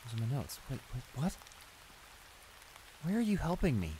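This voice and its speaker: A man with a mid-range voice, speaking at normal speed close to how he usually talks, plays a flustered, apologetic young bully in an improvised roleplay audio drama. He hesitates and stammers, while steady rain sounds behind him.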